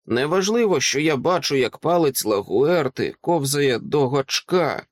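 A man narrates an audiobook with dramatic flair, his pitch rising and falling freely from line to line. He sits close to the mic in a dry, dead room. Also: measured pace, dry recording. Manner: dramatic, expressive reading.

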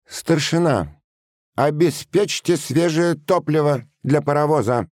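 A man voicing a heavyset army sub-lieutenant with a high, almost womanly voice, barking curt orders. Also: expressive, slow, darkish tone, dry recording, studio quality. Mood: commanding.

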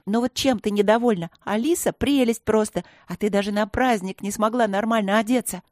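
A woman's voice: mid-range voice, brisk, darkish tone, no room sound, clean studio sound, lightly acted. A woman reading a storybook voices a pushy teenage girl who gushes and scolds. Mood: scolding. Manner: gushing and scolding. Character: pushy, gushing teenage schoolgirl.

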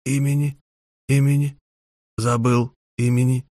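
A battered robot played by a man speaks extremely slowly in a hushed, halting way, as if each word takes effort. It is an ominous, cryptic audiobook character, recorded dry. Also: medium pitch, level tone, no echo, voice pushed up, close to an everyday voice. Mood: struggling, confused. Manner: slow, halting, labored, hushed. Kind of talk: scripted audiobook character acting.

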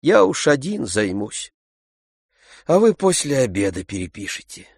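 Man voicing a tired, mild-mannered idle gentleman, dry close sound, lively pitch. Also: measured pace, breathy edge, no room sound, heavily acted. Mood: placating. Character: idle weary middle-aged male gentleman.

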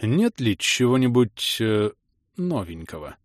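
A man voicing a mysterious, reserved male mapmaker who speaks tersely and quietly. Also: mid-range voice, sing-song, slow pace, dry recording, studio quality.

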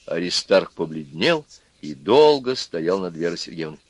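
Husky guy narrating an audiobook, lots of pitch movement, dry close mic. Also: big pitch swings, a little slow, no room sound. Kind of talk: expressive audiobook reading.

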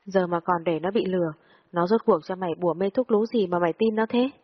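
A woman's voice: fairly low pitch, a little fast, slightly rough. A woman voicing a furious, foul-mouthed older female friend who scolds and swears at a younger girl in a storybook reading. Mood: exasperated. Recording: dull lo-fi audio with long reverb.

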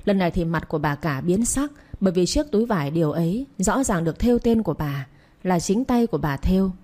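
A woman narrating a story audiobook in a calm, even way. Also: on the low side, fairly quick.

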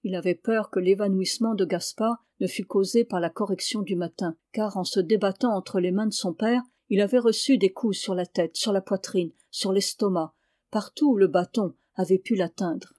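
A woman reading a classic novel aloud, calmly naming each speaker before their lines. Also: medium pitch, normal speed, no room sound, clean studio sound. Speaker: reader.

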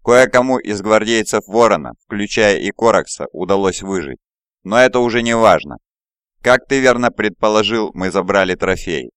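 A man voicing a sly, scheming male primarch in an audiobook, smooth and mocking. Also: on the low side, lively intonation, moderate pace, fairly bright tone, dry recording, studio quality. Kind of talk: audiobook character voice.

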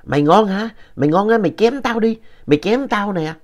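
A woman's voice: animated, brisk, darkish tone, close to an everyday voice. A man voicing a brash, defiant woman in a spoken ghost story, with a southern Vietnamese accent. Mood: taunting. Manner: shrill and taunting. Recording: dull lo-fi audio.

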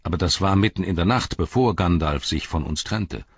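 Male reader doing an aged warrior king for a storybook, very low and husky, grave and weary. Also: moderate pace, no echo, highs cut off.

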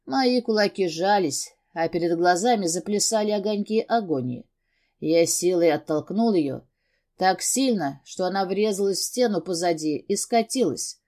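A woman reading a first-person story aloud as an audiobook narrator, in an even, steady storytelling manner. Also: on the low side, normal speed.

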